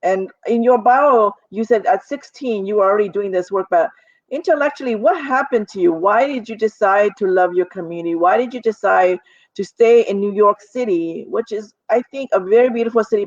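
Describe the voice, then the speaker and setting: A woman's voice: medium pitch, no echo. A woman hosts a panel in an upbeat, chatty way, teasing herself as she moves between topics. The recording is dull and muffled, with a dry sound and no room around it. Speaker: panel moderator. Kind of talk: moderating an online panel.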